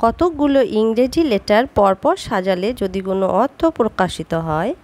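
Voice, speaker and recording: A woman teaching a basic English lesson, explaining slowly and clearly and stressing each example word. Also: mid-range voice, a little mellow. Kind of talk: scripted lesson narration.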